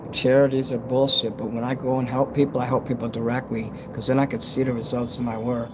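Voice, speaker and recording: A man's voice: mid-range voice, fast talker. A man in his fifties from the United States whose s sounds whistle, chatting bluntly and ramblingly as a livestream host. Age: 50s. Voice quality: whistling s sounds from a dental retainer. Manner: blunt, rambling, frequently swearing. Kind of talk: casual livestream chat. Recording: steady background noise.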